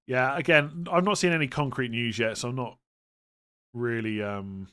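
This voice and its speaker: A man's voice: mid-range voice, steady tone, moderate pace, a bit bright, clear, resonant tone. Casual man with a West Country accent. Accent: West Country English. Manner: informal, matter-of-fact, reads questions aloud then answers. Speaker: fantasy football livestream host. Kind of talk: casual livestream chat answering viewer questions.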